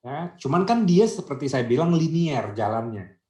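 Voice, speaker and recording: A man of middle pitch talks in a relaxed, chatty way, building his points with anecdotes and rhetorical questions. His voice comes through a video call with a noticeably roomy, echoey sound. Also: moderate pace. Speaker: radio industry guest speaker. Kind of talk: casual conversational discussion.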